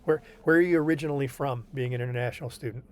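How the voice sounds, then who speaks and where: A man tutors a student by video call, going through homework with patience and reassurance and checking in with "okay?" along the way. His medium-pitched, darkish voice moves very fast.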